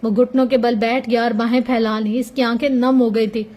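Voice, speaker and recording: High-voiced woman narrating a novel. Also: level tone, moderate pace, a little mellow. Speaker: audiobook narrator. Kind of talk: novel read-aloud narration.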